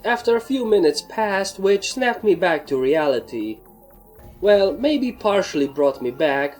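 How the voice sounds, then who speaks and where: A woman's voice: on the low side, darkish tone. Woman reading a fan story aloud. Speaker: fanfic reader. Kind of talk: first-person story narration.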